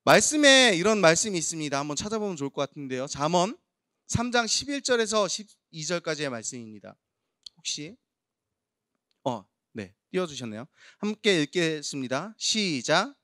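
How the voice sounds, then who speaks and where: A man's voice: fairly high pitch, big pitch swings, normal speed, no room sound, clean studio sound. A man in his thirties preaching a youth sermon in church, telling stories and asking the congregation questions. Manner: warm storytelling with audience questions. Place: church hall.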